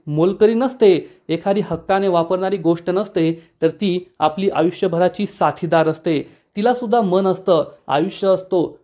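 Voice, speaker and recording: A man's voice: high-pitched, dark tone, natural voice. A man reading the lines of a fierce young wife who angrily lectures the villain. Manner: angry, lecturing. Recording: dull lo-fi recording.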